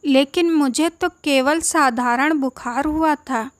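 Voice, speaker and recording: A woman's voice: high voice, slow, no echo. A woman voicing a frail old village man left behind by his family, pleading and bewildered. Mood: shocked.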